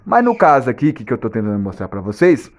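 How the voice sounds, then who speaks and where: A man's voice: medium pitch, very animated, fast talker. A man giving a casual lesson, asking rhetorical questions and restarting his words often. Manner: talks in bursts with many restarts and repeated words. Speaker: teacher of memory techniques.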